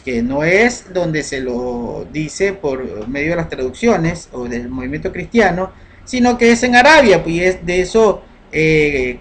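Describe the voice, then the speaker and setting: A man's voice: fairly high pitch, a little hiss or hum. Hesitant man teaching a Bible lesson. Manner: hesitant, many fillers, asks "¿no?" and "¿sí?" often. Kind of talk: casual religious lesson over slides.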